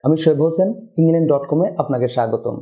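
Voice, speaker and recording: A man from Bangladesh teaching English pronunciation in Bengali, slowly repeating example words. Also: a little high, mellow, highs cut off. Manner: slow, deliberate repetition of example words. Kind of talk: Bengali-language English lesson.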